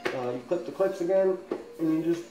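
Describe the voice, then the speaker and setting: A man's voice: a little high, brisk. A man reviewing a collectible helmet in a casual, chatty way, his voice muffled from inside the helmet. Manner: enthusiastic, chatty. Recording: echoey room.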